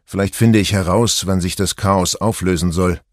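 A man voicing a relaxed, easygoing husband in his forties in an audiobook, speaking up as if over noise. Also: deep voice, moderate pace, dry recording, studio quality, close to an everyday voice. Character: relaxed husband, man, 40s, stuck in a crowd.

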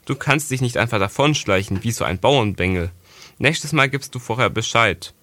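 A man's voice: mid-range voice, lively intonation, moderate pace, sharp tone, no echo. A man voicing a bossy older boy at a castle, reproachful and scornful, in a storybook reading.

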